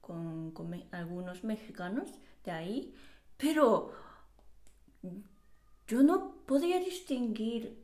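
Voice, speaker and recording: A woman's voice: medium pitch, slow pace, pauses often, darkish tone. A woman who is not a native Spanish speaker, chatting on a podcast and searching hesitantly for her words. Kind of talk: casual conversational chat. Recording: echoey room.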